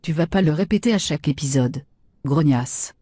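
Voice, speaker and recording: Vain foul-mouthed young woman, a woman playing her, mellow and breathy, dry close sound. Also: sits low, expressive, normal speed, no room sound. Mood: brash. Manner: brash, insulting, self-satisfied. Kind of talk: comic machinima voice acting.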